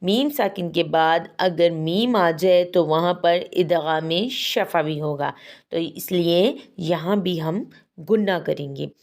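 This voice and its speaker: A woman teaching Quran recitation rules in a patient, methodical way. She explains step by step and slowly models each pronunciation. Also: fairly low pitch, a little mellow.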